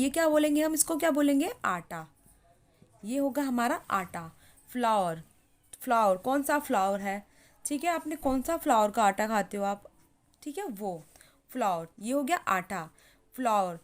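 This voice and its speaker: A woman teaching English in a chatty lesson, spelling words slowly letter by letter and repeating herself often. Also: sits high. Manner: repeats words and keeps saying "theek hai". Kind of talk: chatty classroom-style lesson.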